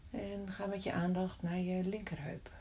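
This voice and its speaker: A woman guiding a body-scan meditation in a soft, often whispered voice, slow and calm with long pauses. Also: on the low side, gravelly, a little hiss or hum. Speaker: meditation guide.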